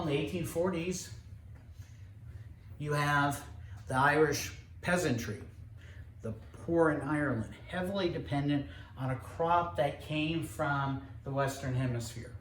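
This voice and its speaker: A man delivers a history lecture in a steady, explanatory manner, pausing now and then to rephrase. His voice sits at an ordinary middle pitch. The recording has a noticeable room echo and a faint background noise. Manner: measured, explanatory storytelling with occasional hesitations.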